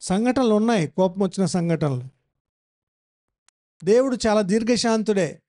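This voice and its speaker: A man's voice: high-pitched, lively intonation, normal speed, mellow. A male pastor giving a Bible-study sermon, emphatic, repeating phrases and putting questions to the congregation.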